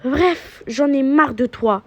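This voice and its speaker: A woman commenting playfully and excitedly on her own game role-play. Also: high-pitched, slow, a little hiss or hum. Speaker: game player.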